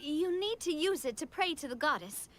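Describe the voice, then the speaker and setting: A woman voicing a calm, wise young queen in a video game, speaking with gentle, measured authority. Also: high-pitched, heavy background noise.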